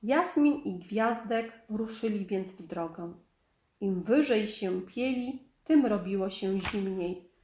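A woman reading a children's story aloud in a calm, measured storytelling manner. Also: medium pitch. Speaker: storybook narrator. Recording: echoey room.

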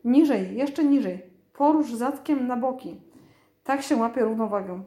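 A woman's voice: a little high, unhurried, dark tone, reverberant, lightly acted. Isambard, a woman doing a bossy tomcat teacher. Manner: instructive, commanding. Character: bossy male cat teaching hunting.

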